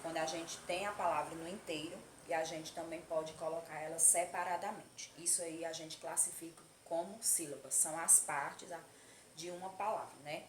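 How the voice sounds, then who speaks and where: An affectionate Brazilian woman teaches young children in a casual video lesson and keeps checking that they follow. Her voice sits a little low. The room is echoey, with a faint hum of noise behind her. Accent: Brazilian Portuguese. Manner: affectionate, checks in often with "tá certo?". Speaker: primary school teacher.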